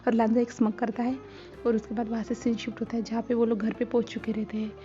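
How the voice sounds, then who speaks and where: A woman casually retells a story in a plain, even way. Her voice is dark and mellow and her pitch stays flat. Soft music plays under a slightly muffled recording. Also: quick pace. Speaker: story narrator.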